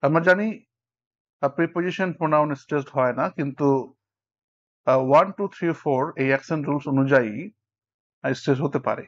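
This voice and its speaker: A man's voice: on the high side, brisk, long pauses. Bengali-speaking male teacher, lo-fi sound. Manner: counts syllables aloud while explaining. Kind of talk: explanatory lesson. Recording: dull lo-fi recording.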